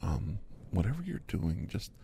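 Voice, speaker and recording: A man's voice: low-pitched, sing-song, unhurried, vocal fry, warm tone, slight background noise, full character voice. A man doing a whispered role-play as a chatty doctor in his fifties who gives a massage, rambling easily in a half-whispered voice. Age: 50s. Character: chatty fifty-something male doctor giving a massage. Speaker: ASMR host.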